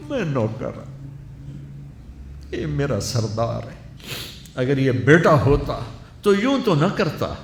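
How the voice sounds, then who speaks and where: A man delivering an emotional sermon in an impassioned, rhetorical way, tearful as he speaks. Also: mid-range voice. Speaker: preacher. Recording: echoey room, faint ambient noise.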